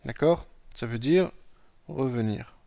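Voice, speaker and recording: A man teaching an Arabic grammar lesson in a slow, patient way. He explains step by step, reads Arabic sentences aloud, translates them and often checks in with "d'accord?". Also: mid-range voice, gravelly, dark tone.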